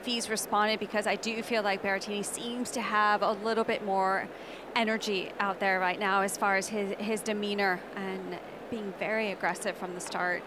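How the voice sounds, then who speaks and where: A woman breaks down tennis points in a conversational, agreeable way. Her voice sits at a middle pitch, and steady noise runs behind her on the broadcast. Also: moderate pace. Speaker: tennis co-commentator. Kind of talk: live sports analysis.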